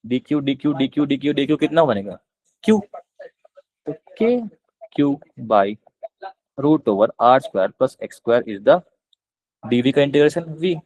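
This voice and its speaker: A man with a Punjabi accent teaching physics in a live online class, explaining slowly and repeating questions to his students. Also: medium pitch, animated, darkish tone, no echo, poor audio. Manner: coaxing, repeats questions to students, calls them beta; slow, deliberate explanation.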